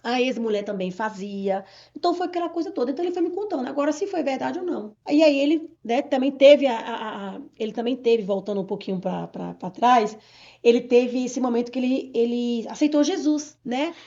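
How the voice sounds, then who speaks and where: A woman from Bahia, Brazil, giving an earnest personal testimony in an interview, talking quickly with many restarts. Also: on the high side, dark tone. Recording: dull lo-fi sound.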